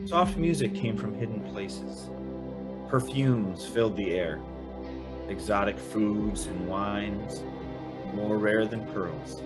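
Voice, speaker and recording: An actor plays an earnest, awestruck young man who also narrates an old-time radio drama, with wondering narration and hesitant, stammering dialogue. His voice is fairly low and slow, with loud music behind it.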